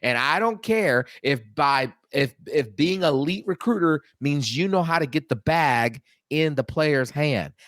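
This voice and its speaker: A man co-hosting a casual sports talk show, emphatic and animated, repeating points for emphasis. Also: on the high side, unhurried, few pauses, no room sound, clean studio sound. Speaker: podcast co-host.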